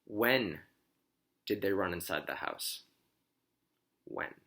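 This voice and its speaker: A deep, slightly bright male voice reads a children's storybook expressively, like a teacher, pausing now and then to explain and to ask questions.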